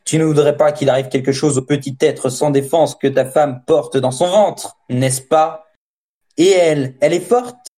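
A man's voice: a little high, normal speed, dark tone, close to an everyday voice. A man voicing a cruel woman witch who threatens and mocks a farmer, menacing and sneering. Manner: menacing, mocking.

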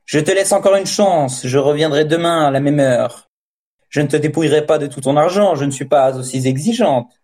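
A man's voice: fairly high pitch, moderate pace, darkish tone, lightly acted. A man voicing a cruel woman witch who threatens and mocks a farmer, menacing and sneering. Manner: menacing, mocking.

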